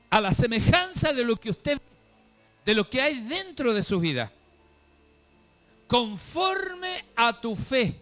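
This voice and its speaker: A man with a notably high voice preaches fervently at a church service, addressing the congregation as brothers and posing question after question. Soft music plays faintly behind him. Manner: fervent preaching, calls listeners "hermano", rhetorical questions. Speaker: pastor. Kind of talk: sermon. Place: church service, filmed for a web show.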